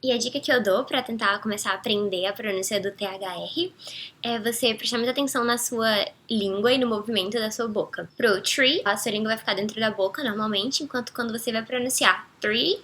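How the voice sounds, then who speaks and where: Bright-voiced Brazilian woman teaching English. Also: fairly high pitch. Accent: Brazilian Portuguese. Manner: clear, patient explaining, slows down for English examples. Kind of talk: explanatory language lesson.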